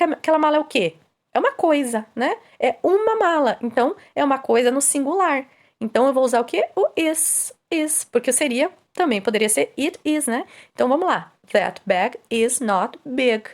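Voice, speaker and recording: A woman teaching English grammar, asking questions and answering them herself. She reads the English examples slowly and explains at a quicker pace. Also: high-pitched. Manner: asks and answers her own questions.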